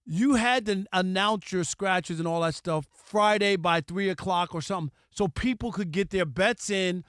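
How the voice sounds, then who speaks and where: A man's voice: sits high, normal speed, a bit bright, clear, resonant tone, no echo, clean studio sound. A man co-hosting a sports talk show, making his point in a casual, conversational debate.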